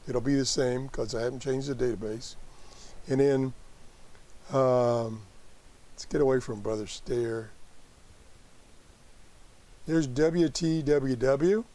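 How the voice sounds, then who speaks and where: A man giving a casual live app tutorial as host, haltingly thinking aloud as he works through it. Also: mid-range voice, dark tone. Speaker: host demonstrating a radio app.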